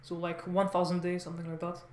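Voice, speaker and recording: With a high voice and a completely flat delivery, a man rambles to his viewers in an unscripted vlog. A native French speaker and language learner, he hesitates, repeats himself and rephrases constantly, and the room echo is clearly audible.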